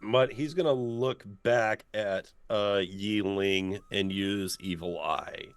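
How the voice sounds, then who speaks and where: A man's voice: on the low side, slow, smooth, no echo. A man acting as game master of a tabletop role-playing game, talking casually as he narrates and rules on play.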